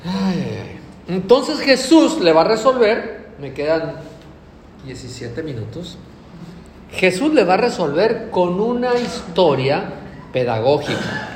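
A man preaching a sermon, animated, acting out little examples in other voices. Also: high-pitched, takes it slowly, slight background noise. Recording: echoey hall with faint ambience.

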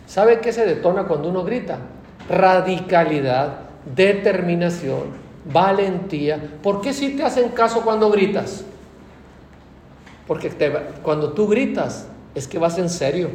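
A Mexican Spanish preacher delivers a sermon in a high, animated voice, swinging his pitch widely as he keeps asking his listeners questions. He is recorded in an echoey room with faint ambience behind him. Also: a little hiss or hum. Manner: animated, asks the congregation questions.

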